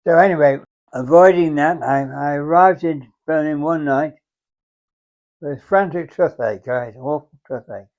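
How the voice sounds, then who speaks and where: A very old English man, around a hundred, reminisces as a war veteran. His voice sits a little high for a man, and he talks in a halting, reflective way, circling back over phrases. The recording is somewhat dull and muffled. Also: a little mellow. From England. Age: very old, around 100. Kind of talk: unhurried oral-history reminiscence.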